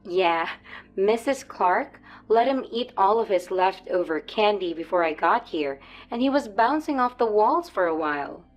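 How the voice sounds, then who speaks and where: A woman's voice: medium pitch, animated, a little slow, lo-fi sound, faint music behind, natural voice. A woman voicing a cheerful young babysitter chatting casually on the phone. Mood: chatty.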